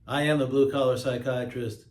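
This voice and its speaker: A man hosting his own show, talking in a slow, emphatic, preachy monologue. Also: medium pitch, steady tone, reverberant. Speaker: host. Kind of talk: monologue to camera.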